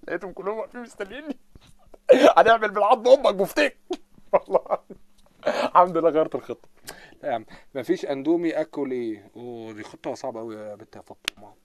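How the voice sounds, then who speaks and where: With a fairly high pitch and quick pace, a man with an Egyptian Arabic accent runs a relaxed live stream, joking with viewers as he reads their comments. He is animated and laughs often.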